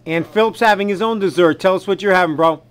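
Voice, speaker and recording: A man hosts an upbeat, friendly promotional walkthrough of a small cafe's new menu, filming indoors on a handheld camera. He talks fast in a high, clean-toned voice.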